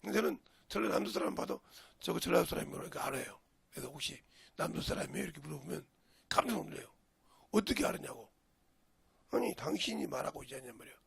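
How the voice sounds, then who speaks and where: A man's voice: on the high side, animated, quick pace, gravelly, fairly bright tone, husky. An older man with a Jeolla Korean accent, a pastor preaching a folksy, storytelling sermon with sudden emphatic rises. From Jeolla region, Korea.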